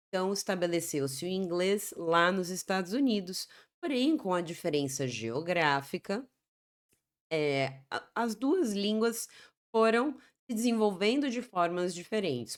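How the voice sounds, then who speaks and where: A female English teacher with a Brazilian Portuguese accent gives an explanatory English lesson in Portuguese, slowly repeating example words. Her voice is on the low side.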